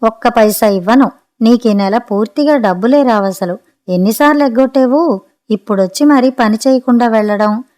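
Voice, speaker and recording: A woman's voice: on the high side, moderate pace, a little mellow, close to an everyday voice. A woman voicing an impatient housewife who scolds her maid curtly. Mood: scolding. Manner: scolding, curt. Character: sharp-tongued adult daughter, impatient woman.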